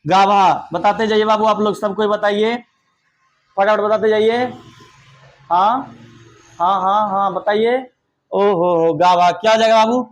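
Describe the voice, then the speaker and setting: Young male tutor, high voice, warm coaxing classroom manner with loud praise. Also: steady tone, a little slow, long pauses. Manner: affectionate, coaxing, calls pupils "babu", praises loudly. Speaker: English teacher. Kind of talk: online classroom lesson for children.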